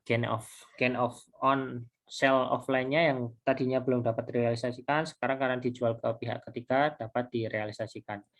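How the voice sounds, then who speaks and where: A man teaching accounting explains things in stages for an informal recorded tutorial, his voice pitched in the middle range. The tone is conversational but hesitant, with repeated points and self-posed questions.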